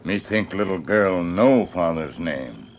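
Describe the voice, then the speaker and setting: A man's voice: deep voice, expressive, takes it slowly, a little hiss or hum. An actor playing Tonto, a terse, loyal male sidekick who speaks in broken, clipped English, in 1940s radio acting on a dull old broadcast recording. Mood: grave.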